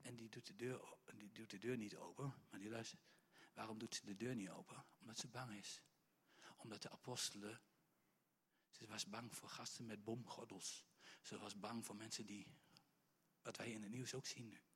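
A male preacher, telling a story in a lively sermon and swinging between hushed and loud delivery with stammering restarts. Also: fairly low pitch, normal speed, breathy edge.

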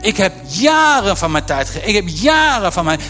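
Animated high-voiced male preacher. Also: normal speed, soft background music. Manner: lively, acts out quotes, jokes with the congregation. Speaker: pastor. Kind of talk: sermon.

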